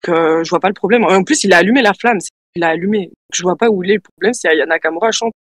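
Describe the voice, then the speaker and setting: A young man with a notably high voice in a casual online group chat, recorded dry and close. He talks haltingly and leans on fillers as he makes his point. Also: fairly bright tone, dry recording.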